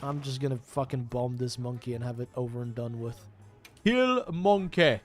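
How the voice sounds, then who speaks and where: A man's voice: mid-range voice, flat delivery, fairly quick, mellow, faint music behind. A man livestreaming a game, chatting casually in an informal, sweary, bantering way. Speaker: livestream host, gamer. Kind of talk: casual livestream chat while gaming.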